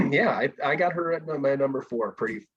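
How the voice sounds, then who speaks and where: A man co-hosting a casual podcast chat over a video call, animated and laughing often. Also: medium pitch, normal speed, slightly rough, highs cut off. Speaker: podcast co-host.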